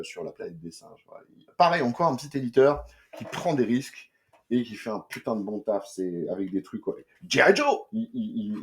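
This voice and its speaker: Animated man chatting about comics. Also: on the low side. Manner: lively, slangy and full of restarts. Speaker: comics reviewer. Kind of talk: casual spoken review.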